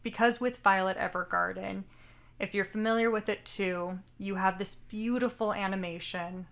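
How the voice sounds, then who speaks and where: Her voice is mid-range and steady, creaky yet fairly bright, moving at normal speed. This young co-host of a laid-back anime podcast chats and rambles, frequently doubting her pronunciation of names.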